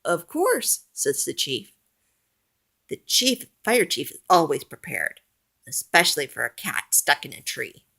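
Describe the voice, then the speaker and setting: A woman reads a children's storybook aloud, gentle and deliberate. Her voice sits a little low, and she takes her time, with a lively, lilting melody. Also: creaky, slightly rough.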